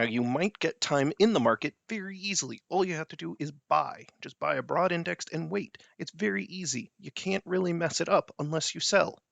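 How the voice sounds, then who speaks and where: A man's voice: mid-range voice, gravelly, fairly bright tone, no echo, highs cut off. A man hosting a personal finance video, giving blunt, emphatic advice in an explanatory monologue.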